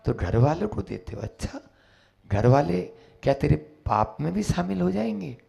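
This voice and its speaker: A man voicing a calm, serene male monk who speaks softly and slowly. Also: on the high side, gravelly, full character voice. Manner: soft, slow and calm.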